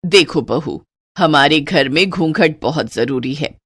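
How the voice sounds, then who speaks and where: A woman's voice: deep voice, lively intonation, measured pace, breathy edge, no echo, studio quality, pitched below the performer's own voice, heavily acted. A woman voicing a strict, old-fashioned elderly mother-in-law who talks in a stern, scolding way.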